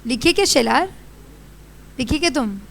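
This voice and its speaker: A young Indian woman lectures a classroom in a high, bright voice. She quizzes her students in a brisk, scolding way. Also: animated, vocal fry. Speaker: teacher.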